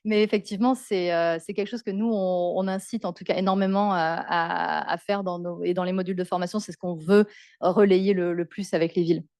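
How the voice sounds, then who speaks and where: A woman's voice: fairly low pitch, steady tone, brisk, a little mellow, dry recording. Dry-sounding woman explaining informally. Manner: repeats words as she explains. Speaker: conference presenter.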